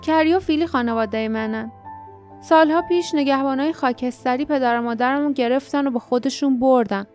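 A woman's voice: high voice, a little mellow, faint music behind, close to an everyday voice. A woman voicing a scornful, wary teenage girl who lives wild in a forest, in a storybook reading. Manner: mocking, wary.

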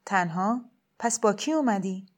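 A woman voicing a soft-spoken, coaxing male cleric. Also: medium pitch, close to an everyday voice. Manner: heavy, soft, kindly insistent. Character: gentle persuasive middle-aged male shrine cleric. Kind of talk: storybook reading.

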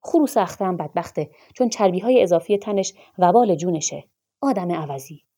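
Storybook: woman doing an enraged, proud male doctor; yelling, husky, loud. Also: medium pitch, expressive. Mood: furious, shouting. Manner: shouting angry tirades. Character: furious grieving male doctor, bitter and proud.

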